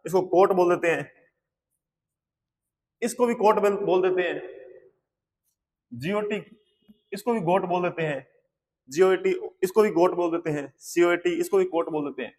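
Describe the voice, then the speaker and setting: A man's voice: high-pitched, normal speed, pauses often, darkish tone. A man with an Indian accent teaching English pronunciation in a patient manner, spelling out words letter by letter and repeating them. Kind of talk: slow board lesson. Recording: long hall reverb.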